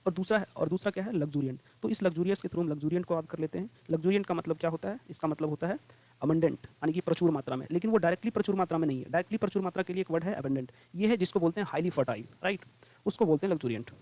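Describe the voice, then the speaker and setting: Male vocabulary tutor, quick delivery, explaining eagerly. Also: on the high side. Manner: repeats "ठीक है" and "right" as check-ins, quick and energetic; reads English definitions slowly and deliberately. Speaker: English vocabulary teacher. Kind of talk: explanatory classroom lesson.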